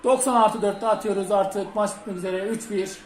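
Excitable young man commentating his football game. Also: high-pitched, moderate pace, a little hiss or hum. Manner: shouts and cheers at goals, mutters quietly between plays. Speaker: gaming channel host. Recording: roomy home recording with game music behind.

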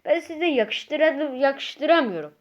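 High-voiced agitated female gamer. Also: expressive, slow pace, dull audio. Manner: agitated ranting, repeats herself a lot. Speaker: gaming YouTuber. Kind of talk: casual gameplay commentary.

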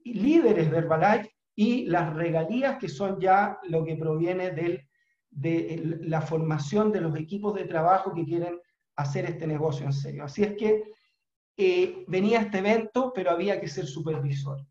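A middle-aged man with a Chilean accent, a business trainer telling a motivational story in an earnest, unhurried way with frequent fillers, on a video call from a room at home. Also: high-pitched, darkish tone. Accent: Chilean Spanish. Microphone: webcam on video call. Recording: roomy, dull webcam audio.

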